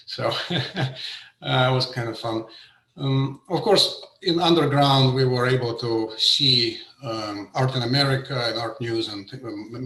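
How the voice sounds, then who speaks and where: A middle-aged man from Russia, a painter giving an informal artist talk over a video call, pausing often with fillers and restarts. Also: medium pitch, pushed and bright, reverberant, poor audio. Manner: hesitant, many fillers and restarts. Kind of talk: informal presentation.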